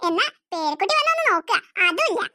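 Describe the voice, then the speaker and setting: Lady voicing a bossy old granny, dry close sound, bright. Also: extremely high pitch, big pitch swings, quick pace, dry recording, exaggerated voice. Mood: scolding. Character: scolding grandmother with aching legs. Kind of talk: cartoon dubbing.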